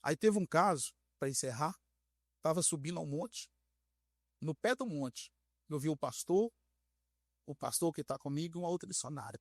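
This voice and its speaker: Man, Brazilian Portuguese accent, bishop guest on a podcast, frank storytelling, acts out dialogue, slightly high voice, dry close sound. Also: no echo. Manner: animated, acts out dialogue in his stories; frank, direct speaker.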